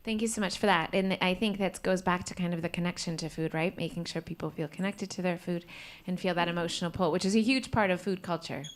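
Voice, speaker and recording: Female moderator, encouraging and affirming, clear resonant tone. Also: fairly low pitch, steady tone, quick pace. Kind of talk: live panel moderation. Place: conference hall.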